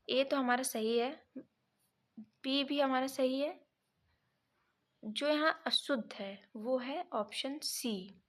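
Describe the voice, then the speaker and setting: A woman teaching an exam prep lesson, reading each option and then correcting it step by step, sometimes pausing to check her notes. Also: fairly high pitch. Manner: pauses to check notes mid-sentence.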